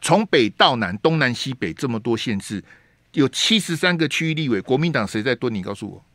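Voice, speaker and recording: Animated Taiwanese man hosting radio talk. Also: mid-range voice, fairly quick, no room sound. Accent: Taiwanese Mandarin. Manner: emphatic, rhetorical questions, slips into Taiwanese Hokkien words. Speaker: radio talk show host. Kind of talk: political commentary monologue. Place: radio studio. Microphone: studio microphone.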